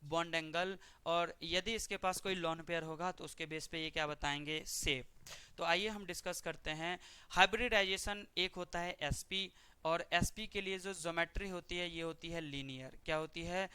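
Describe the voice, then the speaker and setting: A man's voice: on the high side, steady tone, normal speed, pushed and bright, clear, resonant tone, no echo. A man teaching a chemistry exam-prep lesson, putting questions to his students and answering them himself.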